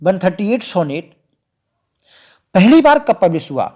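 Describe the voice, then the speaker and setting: A man teaching literature, explaining a poem point by point and repeating key ideas, drawing out the English lines slowly. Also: high voice, very animated, dark tone. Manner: slow, stretches out quoted English lines.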